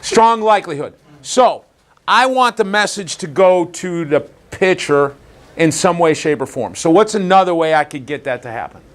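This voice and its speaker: A man with a high voice at normal speed runs an umpire clinic in a meeting room. Socratic in style, he keeps questioning the group and animatedly acts out how to talk with players in this interactive session.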